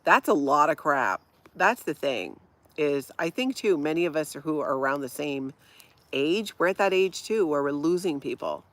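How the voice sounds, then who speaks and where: In casual live-chat talk, a middle-aged host from Hawaii with a slight Minnesota accent reads viewer comments and often breaks into laughter. Her voice sits low and sounds animated and a bit bright, at a normal pace in a dry recording.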